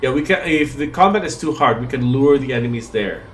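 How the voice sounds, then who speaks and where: A man's voice: medium pitch, expressive, brisk, soft background music. A man casually commentating on a fantasy role-playing game as he plays. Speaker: gamer presenting a playthrough. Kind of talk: casual game commentary, reading dialog aloud.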